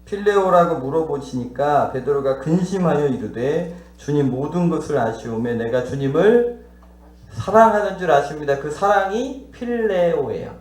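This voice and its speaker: A man's voice: fairly high pitch, expressive, normal speed, a little mellow, echoey room. A male pastor delivering a teaching sermon. He puts questions to the congregation and acts out the dialogue he describes. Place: church sanctuary.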